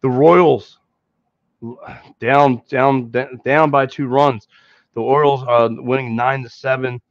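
Slow and fairly even in intonation, a mid-range male voice with a Philadelphia accent hosts a casual postgame sports podcast. The man, in his thirties, rambles and frequently repeats or restarts. He uses a headset mic in a small green-screen room, and the sound is dry, dull and lo-fi.

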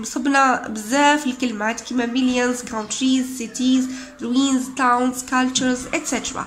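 A woman's voice: high voice, a bit bright, slight background noise. A woman with an Algerian Arabic accent, an English teacher explaining an exam step by step and switching between dialect and English. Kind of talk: exam walkthrough lesson.

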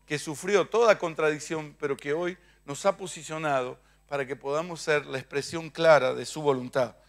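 A middle-aged Argentine man preaching a sermon in church, moving between loud declarations and quiet asides, leading his congregation in call-and-response. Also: high-pitched. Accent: Argentine Spanish. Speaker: pastor.

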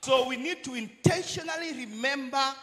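A man preaching to a church congregation, his voice sitting notably high for a man. He delivers the sermon in short, measured phrases and stops after each one to leave room for an interpreter. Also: sharp tone.

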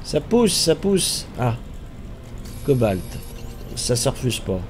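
A man's voice: mid-range voice, takes it slowly, a little hiss or hum. A man with a slightly stuffy nose, chatting casually and thinking aloud as he streams a video game. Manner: relaxed, chatty, thinks aloud and repeats words. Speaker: streamer playing a survival game. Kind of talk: casual live-stream commentary.

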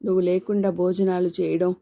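Woman reading aging mother, blunt, scolding, low flat voice, storybook reading. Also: vocal fry. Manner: blunt, scolding, quick to anger. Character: aging mother, fierce and grieving widow-like matriarch.

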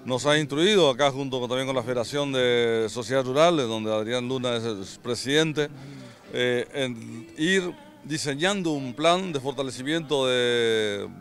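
Halting middle-aged man, music behind. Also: medium pitch, fairly bright tone. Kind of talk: on-camera interview remarks. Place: outdoors by cattle pens. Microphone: handheld reporter microphone.

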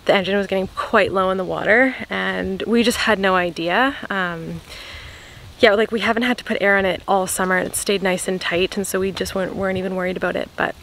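A young woman vlogs outdoors beside a harbour, talking to a close camera mic in an upbeat, chatty way. Her pitch sits in a middle range for a woman. A faint hiss runs underneath. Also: fairly even intonation, brisk, vocal fry, a bit bright, poor audio. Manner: chatty and upbeat, with many fillers. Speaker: vlogger. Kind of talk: casual vlog talk to camera.

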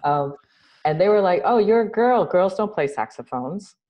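A low-voiced woman from New York City, a social entrepreneur, appears as a guest in a casual interview chat over a video call webcam from a room at home. She speaks at normal speed through dull audio, telling stories animatedly, gesturing a lot and laughing.

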